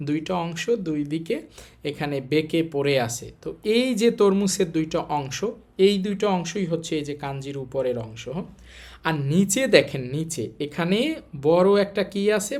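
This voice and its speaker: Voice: medium pitch, a little mellow. A language teacher with a Bangladeshi Bengali accent walks viewers through a kanji lesson. The delivery is patient, and each point comes back again with a rhetorical question.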